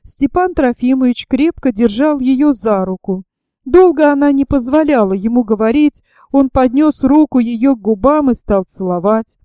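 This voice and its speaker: A woman reading a classic novel aloud as an audiobook, with expressive, dramatic narration. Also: sits high, moderate pace, smooth, no echo, clean studio sound.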